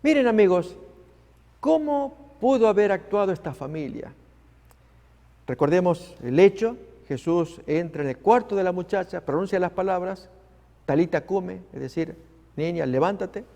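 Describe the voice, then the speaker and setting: A man preaching a sermon, dramatic and expressive, acting out the people in the story he tells. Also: high-pitched, moderate pace. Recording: long hall reverb.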